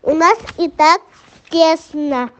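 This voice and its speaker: A woman's voice: extremely high pitch, takes it slowly. A young female reader voicing a reluctant peasant householder in a children's folk tale, in a plain, grudging manner. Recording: muffled lo-fi recording.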